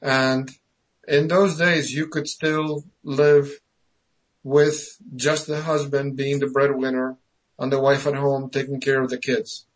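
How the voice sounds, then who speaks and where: A man's voice: medium pitch, flat delivery, slow pace, low-quality recording. A man in his fifties from Argentina, hosting a radio talk show in a conversational, emphatic way. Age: 50s. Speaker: radio host.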